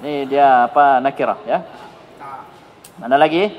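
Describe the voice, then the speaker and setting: A man's voice: medium pitch, a little hiss or hum. Indonesian teacher drilling his pupils. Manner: prompting questions again and again, brisk and coaxing. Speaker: Arabic grammar teacher. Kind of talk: classroom grammar drill with students. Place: classroom. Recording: dull, lo-fi sound with a long hall reverb.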